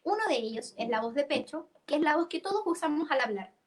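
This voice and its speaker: A woman's voice: sits high, lively intonation, fast talker. A young woman teaching a church singing workshop, explaining vocal registers and demonstrating them by singing.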